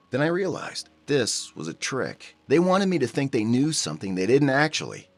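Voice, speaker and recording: A man reading a horror story aloud as its narrator, tense and acting out the frightened hero's lines. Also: mid-range voice.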